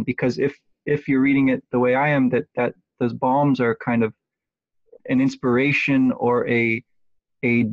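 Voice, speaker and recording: A man in a relaxed conversation, thinking aloud about a poem with frequent pauses and restarts. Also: medium pitch, no room sound. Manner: hesitant, many restarts and ums. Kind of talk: thoughtful conversational close reading. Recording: dull lo-fi dry sound.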